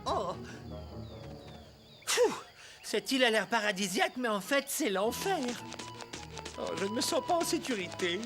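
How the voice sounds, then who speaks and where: A man's voice: very high-pitched, sing-song, a little slow, long pauses, over music, full character voice. A man voicing a timid, fussy male cat sidekick in a cartoon dub. He frets, yelps and scolds his friend. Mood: frightened. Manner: fretful and easily frightened, scolding when upset. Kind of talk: cartoon dubbing.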